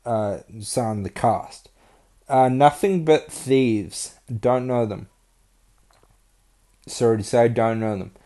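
Male podcast host, casual monologue, blunt and profane, halting with fillers. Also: medium pitch, dark tone.

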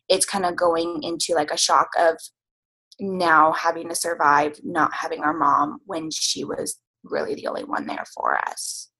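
A woman's voice: low-pitched, gravelly, fairly bright tone, breathy edge, poor audio. A woman of thirty talking casually in an interview, hesitant with many ums, open and reflective. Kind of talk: casual conversation.

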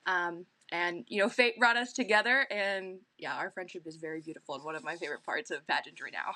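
A woman's voice: on the low side, a little fast, sharp tone, dry recording. A young adult woman, a pageant titleholder, chatting earnestly as a podcast guest, full of little fillers. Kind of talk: casual podcast chat.

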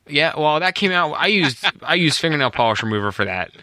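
A man co-hosting a podcast, telling a long story in a rambling, self-correcting way. His voice is bright and forward, and the sound is close and dry with no room echo. It feels like a relaxed chat between family members. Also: on the high side, fairly quick. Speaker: podcast co-host.

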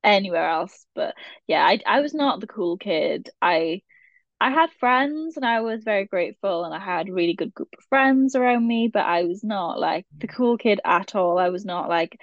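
With a medium-pitched, animated voice at a moderate pace, a twenty-something podcast guest from the South Wales Valleys chats casually, rambling and laughing at herself. There's no echo, and the dry audio sounds kind of muffled.

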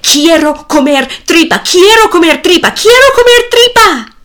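A woman voicing an insolent, impatient boy who shouts his demands in a shrill voice. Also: big pitch swings, slow pace, exaggerated voice. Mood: screaming.

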